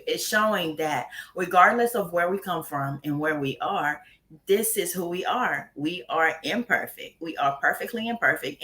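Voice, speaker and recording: A woman's voice: lowish voice, sharp tone. A woman from Haiti, a guest in a casual interview, who talks bluntly and candidly and laughs often.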